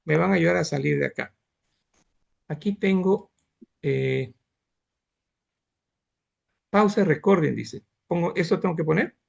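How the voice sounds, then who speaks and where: Gravelly, husky male medical lecturer. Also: a little high, normal speed, long pauses, lo-fi sound. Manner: explains step by step, asks students if they follow. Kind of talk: online class lecture.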